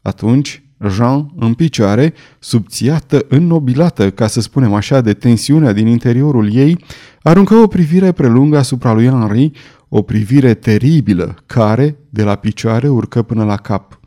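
Audiobook narrator, a man with a dark, mellow voice, reading theatrically and expressively. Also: medium pitch, expressive.

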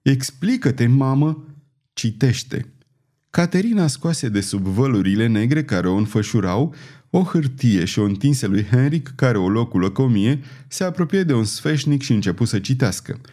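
A man narrating a historical novel as an audiobook in an even, measured reading. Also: medium pitch. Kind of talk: scripted narration.

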